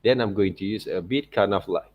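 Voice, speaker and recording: Speaking with a Malaysian accent, this male art teacher leads a relaxed software walkthrough and keeps dropping quick checks like "right" and "okay." He pitches on the low side and talks fairly quickly, though the audio sounds dull.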